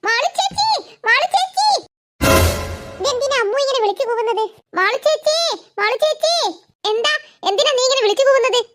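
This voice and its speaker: A woman voice-acting children in a cartoon, talking in a childlike way with stammers and quick back-and-forth. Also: very high-pitched, a bit bright. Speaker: cartoon voice artist.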